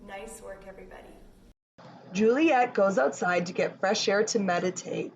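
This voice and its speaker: In a room, a Canadian woman reads a picture book aloud to children, then guides them through yoga with simple, encouraging cues. She has a mid-range voice at a moderate pace, and the recording picks up roomy echo and background noise from a distant mic.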